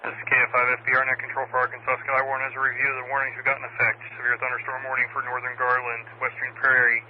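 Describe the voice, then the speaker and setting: Fast-talking American man on crackly radio. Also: medium pitch, completely flat delivery. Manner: procedural, spelling out call signs. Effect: two-way radio. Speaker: amateur radio net control operator. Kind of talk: radio net dispatch, reading weather warnings. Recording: phone-like radio audio with static noise.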